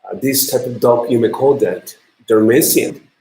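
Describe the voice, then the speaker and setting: A man with a Japanese accent giving an online university lecture in English, halting and full of fillers as he searches for words. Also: mid-range voice, darkish tone, reverberant, low-quality recording. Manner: hesitant, many fillers and restarts.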